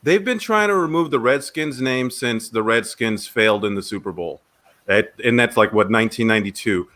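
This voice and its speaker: A man's voice: mid-range voice, normal speed. A man joking around in casual group chat. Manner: joking, animated.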